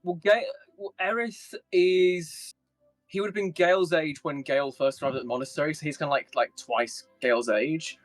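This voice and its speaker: A man's voice: on the high side, steady tone, moderate pace, no room sound, soft background music. A man chatting casually as a player in a tabletop role-playing game, with some light in-character talk.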